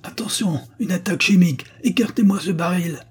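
A man's voice: mid-range voice, normal speed, a little mellow, slightly rough. A man voicing a bombastic English commander who shrieks orders through a megaphone in a panic. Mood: hysterical.

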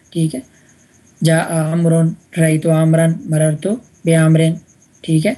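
Husky-voiced woman teaching grammar patiently. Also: deep voice, dark tone. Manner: patient, repeats examples and checks understanding. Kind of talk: online class lecture. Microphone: online voice chat room.

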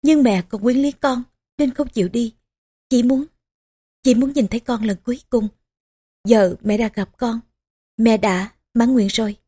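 A woman reading the lines of a frail, dying elderly mother in a historical audiobook, with weak, trembling, halting speech. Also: a little high, dark tone, slightly rough, no echo. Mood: tender, faint.

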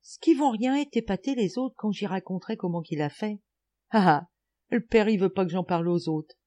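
A woman voicing a rowdy, excitable peasant schoolboy who shouts and swears in coarse rural slang. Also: medium pitch, fairly quick, close to an everyday voice. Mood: defiant.

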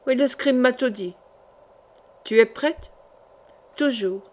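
A cold, scheming queen issues clipped orders, as a woman reads her lines in an audiobook. The voice is fairly high and commanding. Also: slow.

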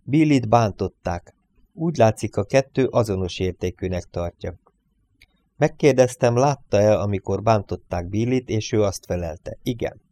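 A man reading a novel aloud as an audiobook narrator, lifting his voice for the characters' lines and dropping quietly on the speech tags. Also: lively intonation. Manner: reads dialogue with lifts for characters, drops low on speech tags.

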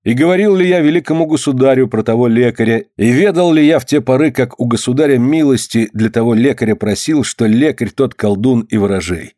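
A proud, hot-tempered boyar lord of old Russia, as a male reader does him, grave and archaic in his speech. The voice is low-toned and mellow. It sounds dry and close to the mic. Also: a little fast, hardly any pauses, dry recording, close to an everyday voice. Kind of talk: audiobook reading.

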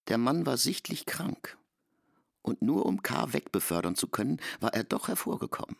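A man with a gravelly, husky voice reading literary narration for a radio play. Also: mid-range voice, very animated, moderate pace, no echo, studio quality.

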